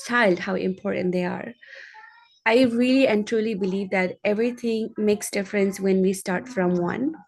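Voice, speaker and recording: A Nepali woman, speaking with a Nepali accent, gives a personal advocacy speech as a guest speaker. Her delivery is earnest and halting, and her medium-pitched voice is creaky and somewhat dark in tone.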